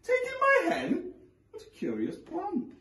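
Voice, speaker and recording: A man voicing a fretful little old woman who wails and pleads in a shrill voice. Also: huge pitch swings, a little slow, sharp tone, heavily acted. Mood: incredulous. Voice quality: shrill, wailing. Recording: roomy, from a distance.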